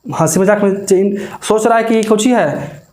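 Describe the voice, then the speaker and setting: A man's voice: high voice, normal speed, darkish tone. A man teaching a maths coaching class, chatty and often checking whether his students follow. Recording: echoey classroom.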